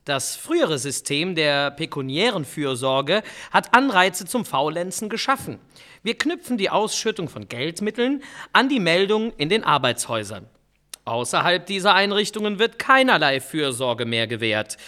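A stern Victorian economist and government adviser, played by a man, lectures in a bright, fairly high voice. His pitch swings widely as he lays out his case with complete self-assurance. It is a scripted history role-play podcast. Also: big pitch swings, normal speed. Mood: lecturing. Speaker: guest expert.

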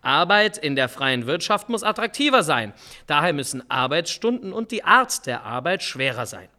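A stern Victorian economist and government adviser, played by a man, lectures in a bright, fairly high voice. His pitch swings widely as he lays out his case with complete self-assurance. It is a scripted history role-play podcast. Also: very animated, normal speed, heavily acted. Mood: lecturing. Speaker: guest expert.

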